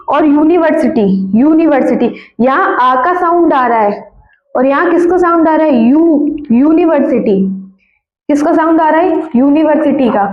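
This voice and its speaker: A woman teaching a grammar class in a high voice, drilling words over and over and quizzing her students. The recording is dull and lo-fi, and the room rings with echo. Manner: repeats words and keeps asking students questions; corrects her own slips with quick apologies. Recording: echoey room, dull lo-fi sound.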